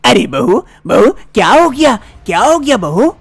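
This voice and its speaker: A woman's voice: a little high, sing-song, unhurried, creaky, breathy edge, pitched above the performer's own voice, heavily acted. A woman voicing a scheming older mother-in-law who insists on a grandson, scolding and repeating herself. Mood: flustered.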